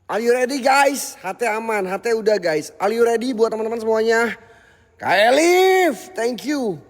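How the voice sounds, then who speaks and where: High-voiced man taunting spirits on a reverberant live stream. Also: animated, moderate pace. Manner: swings between shouted challenges to spirits and hushed muttered prayers. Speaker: paranormal livestream host. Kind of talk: live ghost-hunting stream. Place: hotel, indoors and out by a pool.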